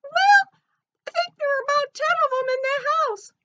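A woman voicing an earnest young female elephant puppet with a squeaky voice, telling a story eagerly. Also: moderate pace, bright, forceful tone, highs cut off.

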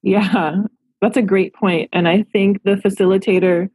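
A woman's voice: mid-range voice, fairly even intonation, unhurried, darkish tone, husky, no echo, low-quality recording. A woman in her thirties from Los Angeles, a therapist answering interview questions in a reflective, earnest way. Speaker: therapist and practice owner.

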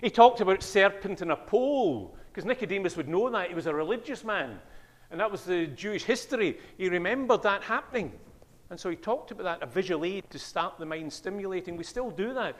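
An older man with a Scottish accent preaching a sermon in a church, telling stories with lively swings in pitch. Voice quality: animated storyteller, wide pitch swings on quoted speech. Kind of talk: sermon with anecdotes.

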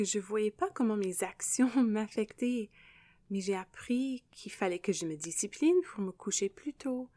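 A young Canadian woman with an English-speaking accent, French not her first language, hosting a gentle, earnest devotional podcast. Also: medium pitch, no echo.

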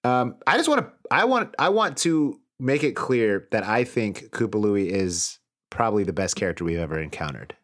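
Man co-hosting a podcast in casual comedic chat, very lively, swoops around, keeps joking. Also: on the low side, moderate pace. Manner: joking, rambling, laughs often. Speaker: podcast co-host.

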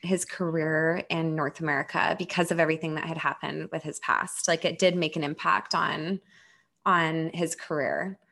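A woman's voice: deep voice, steady tone, moderate pace, creaky, bright, forceful tone. A woman in her thirties, a hockey player's wife, speaking earnestly and encouragingly as a podcast guest, often saying "like". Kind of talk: conversational interview.

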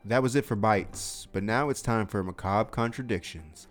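A man's voice: lowish voice, normal speed, soft background music. A man hosting a casual comedy podcast, rambling, laughing easily and swearing. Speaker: podcast host.

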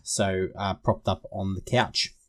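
An Australian man co-hosts a sports podcast, chatting casually about fantasy rugby league. His voice sits low, with fairly even intonation and a slow pace. He keeps things informal and conversational, calling his co-hosts "guys."

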